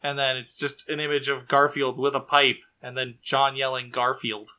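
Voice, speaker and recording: Bright-voiced man dropping deadpan trivia. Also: mid-range voice, moderate pace, smooth. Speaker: podcast co-host. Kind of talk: casual chat.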